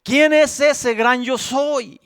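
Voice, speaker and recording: A male pastor preaching a sermon in a slow, emphatic way, repeating his phrases for weight. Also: very high-pitched, steady tone, a bit bright, smooth, no room sound, clean studio sound.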